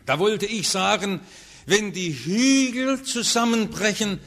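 A man preaching a sermon as pastor, emphatic, swinging between raised urgent passages and hushed low ones. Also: takes it slowly. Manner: emphatic preaching with strong rises and hushed drops.

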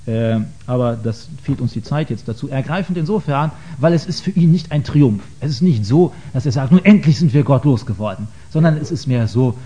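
Hesitant man lecturing, dark voice. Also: medium pitch, expressive, moderate pace, few pauses. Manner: earnest, hesitant with frequent filler sounds. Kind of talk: spoken lecture to an audience. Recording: dull lo-fi recording.

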